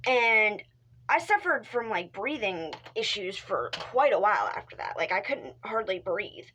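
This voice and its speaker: Young female vlogger, middle-pitched, casual and rambling, candid with the odd swear. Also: sing-song, a little slow, sharp tone, a little hiss or hum, poor audio. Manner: rambling, frequent fillers and restarts; drops into whispered asides. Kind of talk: casual talk to camera.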